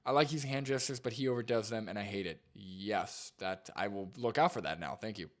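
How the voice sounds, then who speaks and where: A man's voice: fairly low pitch, a little fast. A young man streaming, reacting to a video and reading chat, rambling with lots of fillers and restarts.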